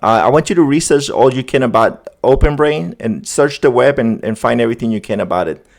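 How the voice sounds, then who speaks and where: A casual man narrates a screen demo, showing off an AI agent setup as host of this tech demo. He talks fairly quickly in a medium-pitched voice with vocal fry.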